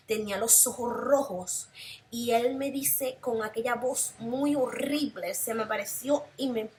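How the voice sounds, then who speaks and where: Woman, emotional testimony, somewhat high voice, repetitive phrasing. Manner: emotional, repeats phrases for emphasis. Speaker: person giving a testimony. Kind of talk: personal religious testimony.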